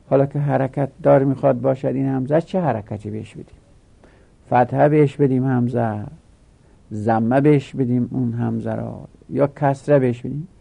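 A man teaching a grammar lesson, explaining slowly and repeating each step while asking questions. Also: medium pitch, gravelly, warm tone, breathy edge.

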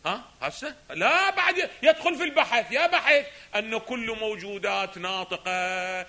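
A man's voice: high-pitched, animated, moderate pace, bright, forceful tone. A man giving a lecture on a philosophy text, often asking rhetorical questions and answering them himself. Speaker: religious scholar teaching a text.

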